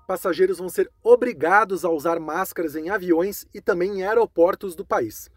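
A Brazilian man presenting a scripted news roundup in a clear, conversational newsreading manner. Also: high voice, darkish tone, dry recording.

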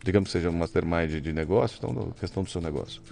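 A man with a Brazilian accent, a business mentor speaking as a guest in a casual interview, blunt and excitable, swearing freely. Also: low voice, racing, vocal fry, a little hiss or hum. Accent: Brazilian Portuguese.

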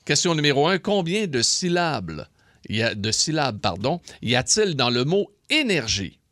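Radio host, Québécois man, playful quiz master, bright and dry. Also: on the high side, very animated, moderate pace, no echo. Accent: Québécois French. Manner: playful, laughs often. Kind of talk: morning radio quiz banter.

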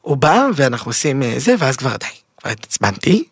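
A man as a podcast guest, telling a personal story in a lively, dramatic way, jumping between loud and hushed. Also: mid-range voice, husky, no room sound, studio quality.

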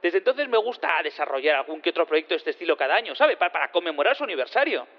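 In an audio drama, an actor plays a proud, eager male space physicist who teleports things, testifying as a courtroom witness while rambling, hesitating and repeating himself. His voice is fairly high, sing-song and fast, and the sound is dull lo-fi with long reverb.

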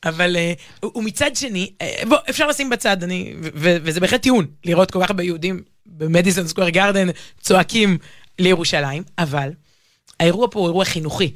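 A woman's voice: fairly low pitch, dry recording, studio quality. A woman with an Israeli accent co-hosting a casual talk show, speaking emphatically and often breaking off to rephrase mid-sentence. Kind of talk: casual animated conversation.

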